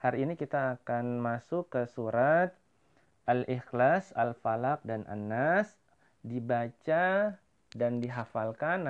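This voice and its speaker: A man's voice: medium pitch, clean tone, narrow, tinny audio. A man with an Indonesian accent teaching Quran recitation to children in an online lesson, explaining plainly and asking questions he then answers. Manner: explains plainly, then chants verses slowly with rising and falling melody.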